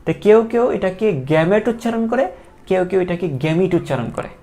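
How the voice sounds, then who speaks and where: A man's voice: sits high, fast, dark tone. A man teaching a biology class live online, chatty, asking questions and answering them himself.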